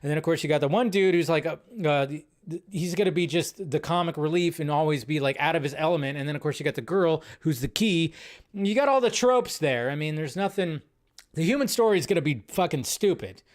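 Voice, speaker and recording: A man with a fairly high voice talks briskly while hosting a casual film news livestream. He rambles, full of fillers and restarts, reading out viewer questions and answering them offhandedly.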